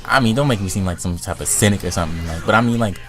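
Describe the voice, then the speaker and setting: A young man in a profane, comedic rant to camera, swinging from loud outbursts to low mutters. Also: racing, soft background music. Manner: animated, heated, swings between loud outbursts and low mutters, filler-heavy. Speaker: vlogger.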